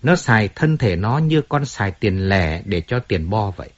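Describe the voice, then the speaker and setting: A self-pitying fallen star moans about his ruined life, as a man reads him out. His voice sits a little higher and rougher, full of complaint. The storybook recording sounds slightly dull. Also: very animated, moderate pace. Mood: bitter ranting. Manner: complaining, pleading, resentful. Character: self-pitying washed-up male singer, whining, bitter.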